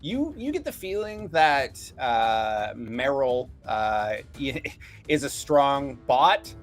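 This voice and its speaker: A man works as game master, narrating in a casual, sweary way. His pitch is average and music plays behind him. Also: sing-song, very slow. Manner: profane, informal.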